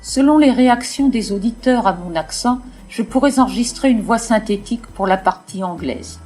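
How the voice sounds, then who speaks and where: A woman with a French accent reading a bilingual French and English lesson slowly and plainly in a blunt, outspoken manner. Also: a little high, a little mellow, faint music behind. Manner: slow, deliberate and outspoken. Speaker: podcaster teaching French. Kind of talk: scripted bilingual narration.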